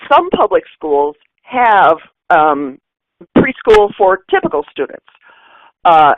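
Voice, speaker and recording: A woman's voice: fairly low pitch, dry recording. A woman presenting in a webinar, answering a question in a careful, explanatory way. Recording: tinny phone-like line, dry.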